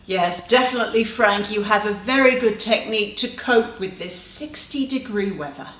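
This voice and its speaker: A woman's voice: mid-range voice, moderate pace, fairly bright tone, lightly acted. A woman playing a formal, upbeat parody TV news anchor in a mock newscast. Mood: formal, presenting. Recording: roomy echo, clear background noise.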